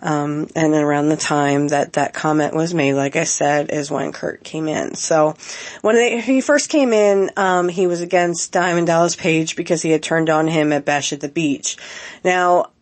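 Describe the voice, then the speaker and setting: On her casual podcast, a woman with a low-pitched voice offers sincere opinions, her talk hesitant and packed with ums. She's getting over a head cold.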